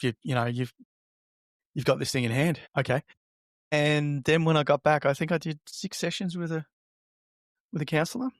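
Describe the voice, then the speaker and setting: A man's voice: fairly high pitch, fairly even intonation, dry recording, clean studio sound. Reflective man telling his story. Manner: halting, reflective, acts out remembered remarks. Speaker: interview guest. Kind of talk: conversational personal storytelling.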